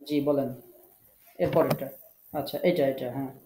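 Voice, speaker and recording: A man's voice: fairly high pitch, steady tone, normal speed, roomy sound, background noise. A man teaching a live online Quran recitation class, calling on students one by one, patiently correcting and drilling their pronunciation. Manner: patient, coaxing, repeats drills and gives tech help.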